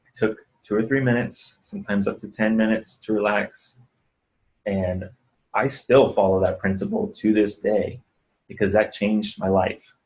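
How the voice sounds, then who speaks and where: A man's voice: fairly low pitch, darkish tone, low-quality recording. A man, a physical therapist, giving earnest, conversational advice in a casual vlog and talking the viewer through breathing. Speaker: physical therapist and clinic owner.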